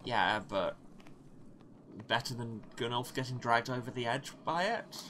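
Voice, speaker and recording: A man's voice: mid-range voice, expressive, measured pace, pushed and bright, a little hiss or hum. A man hosting a let's play, reading the story aloud dramatically and adding wry asides. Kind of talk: narrating a story game while playing. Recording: game music under voice. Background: game music.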